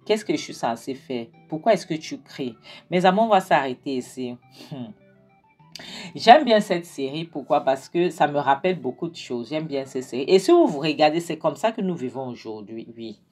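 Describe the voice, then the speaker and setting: Woman w a really low voice, chatty recap of a show, talks straight to her viewers, bit of music faint behind. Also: darkish tone. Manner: chatty, retells scenes and quotes characters with affectionate asides. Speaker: video reviewer recapping a TV series. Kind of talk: casual spoken recap to viewers.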